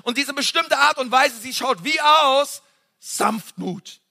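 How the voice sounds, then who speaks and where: A man preaching a sermon, passionate and emphatic, talking straight to his listeners in a casual way and swinging between loud and soft. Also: very high-pitched, moderate pace, vocal fry. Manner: casual, direct address to the audience.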